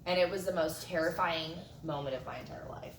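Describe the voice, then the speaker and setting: Woman telling friends a story, kinda low voice, swears a lot, far from the mic, echoey room. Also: fairly quick. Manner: animated, swears freely, acts out quotes. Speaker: friend at a hot sauce tasting. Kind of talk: casual storytelling among friends. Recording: roomy sound from a distant mic with faint noise.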